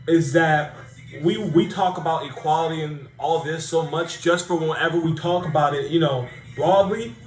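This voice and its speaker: A man's voice: fairly high pitch, normal speed. A young man chiming in earnestly during a casual group discussion. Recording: echoey room with faint music.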